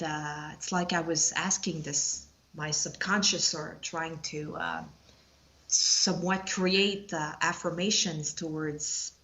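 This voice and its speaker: As a guest on a podcast, a Québécoise woman with a Quebec French accent makes casual interview conversation, pausing hesitantly to find her words. Her voice is fairly low and fairly bright. The recording has its highs cut off.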